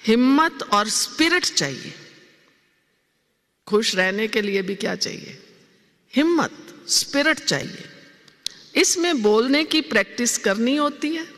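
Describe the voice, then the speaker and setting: A woman's voice: a little high, expressive, slow pace, pauses often, fairly bright tone. A woman giving a spiritual discourse to a congregation. She asks the audience questions and then answers them herself. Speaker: spiritual teacher. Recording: hall with long reverb.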